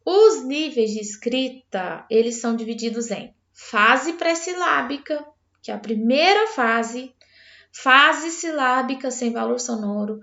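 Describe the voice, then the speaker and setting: A woman's voice: high voice, expressive, measured pace, bright, forceful tone. A Brazilian woman teacher explaining a literacy lesson for parents step by step, talking straight to the viewer. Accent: Brazilian Portuguese. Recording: roomy, slightly dull sound.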